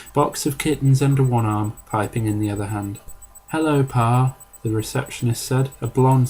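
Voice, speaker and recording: A man reading a story aloud in an amateur storybook narration, measured and dry. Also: medium pitch, warm tone, low-quality recording. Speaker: story reader.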